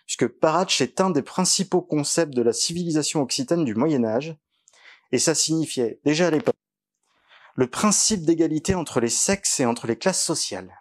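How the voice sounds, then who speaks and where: A man from western France speaking at a public meeting in a village hall, earnest and halting with many fillers. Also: a little high, animated. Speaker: political candidate.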